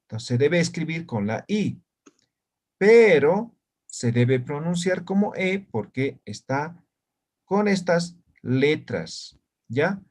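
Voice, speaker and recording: A man's voice: on the high side, sing-song, slow, darkish tone. A man teaching an online language lesson, explaining step by step and often checking understanding with short tag questions.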